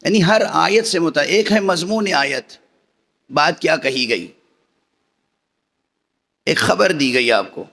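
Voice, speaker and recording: A male scholar gives a majlis sermon in a raised, slightly high voice with a gravelly grain. He teaches point by point, pausing to check with his listeners through short rhetorical questions. His delivery is measured and deliberate. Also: expressive, fairly bright tone. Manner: teacherly, explains step by step with rhetorical checks to the audience. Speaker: Shia religious scholar giving a Muharram majlis.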